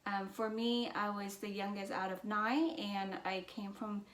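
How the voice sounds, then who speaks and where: A woman from Vietnam, a vlogger covering business and mindset, speaks to the camera in a personal, earnest and reflective way, with plenty of fillers and restarts. Her mid-range voice is slightly bright, unhurried and fairly even in intonation, and the room gives it a roomy echo.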